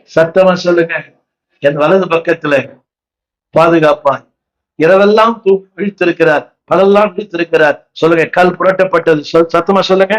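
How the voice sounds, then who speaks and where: A Tamil-accented pastor from India delivers a church sermon in a somewhat high voice, recorded with the highs cut off. Over and over he has the congregation speak his words aloud, and he exhorts them and quizzes the crowd with questions.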